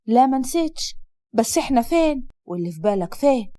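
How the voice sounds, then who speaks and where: A woman's voice: sits high, very animated, a little fast, mellow. A woman voicing a worried, reproachful mother with an Egyptian accent. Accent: Egyptian Arabic.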